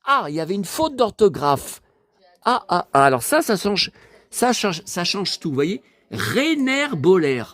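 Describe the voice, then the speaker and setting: A man casually vlogging about collector books, excitable and rambling, talking straight to his viewers. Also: high voice, a little slow, dry recording.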